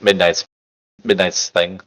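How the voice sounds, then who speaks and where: A man's voice: sits low, flat delivery, takes it slowly, a bit bright, low-quality recording. A man in his thirties co-hosting a casual book club podcast with a joking, easygoing manner. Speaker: podcast co-host.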